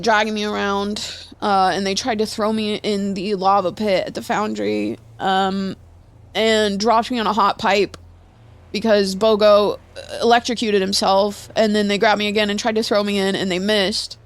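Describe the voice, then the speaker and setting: A woman's voice: mid-range voice, flat delivery, measured pace, no room sound. A young woman in an in-character roleplay chat, telling a long story in a rambling, profane way. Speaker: roleplay streamer.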